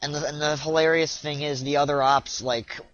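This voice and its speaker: Young male streamer, bright voice, stop-start casual chat, muffled lo-fi stream audio. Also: on the high side, little pitch movement, no room sound. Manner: chatty, halting, frequent restarts and repeats. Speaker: speedrunner streaming live.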